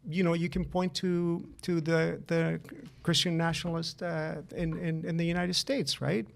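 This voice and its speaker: A man's voice: on the high side, vocal fry. A middle-aged man from Chile co-hosting a podcast, talking earnestly and often checking in with "right?". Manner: earnest, repeats words when starting, asks "right?" often. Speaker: podcast co-host. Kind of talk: casual podcast conversation.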